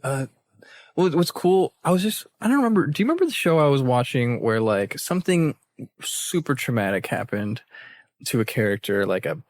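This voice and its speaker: A man's voice: medium pitch, very animated, normal speed, no echo. Thoughtful man guest, dry close sound. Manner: thoughtful, reflective analysis. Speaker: podcast guest. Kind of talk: casual chat.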